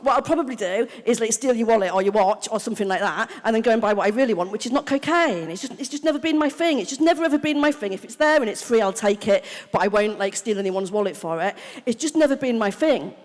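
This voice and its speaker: A British woman speaks as the main speaker at a recovery convention. Her voice sits fairly high, and she tells her story bluntly and with animation, swearing freely and mimicking her old self. A long reverb trails her words through a large hall. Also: fast, few pauses. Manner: frank, animated storytelling with swearing and mock quotes of herself. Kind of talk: personal recovery testimony to a live audience.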